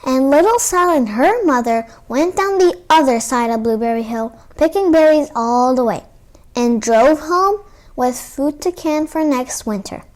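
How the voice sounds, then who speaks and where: High-pitched young girl reading stories aloud slowly. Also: lively intonation, darkish tone. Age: child. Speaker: storytime host. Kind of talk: read-aloud storytelling for children.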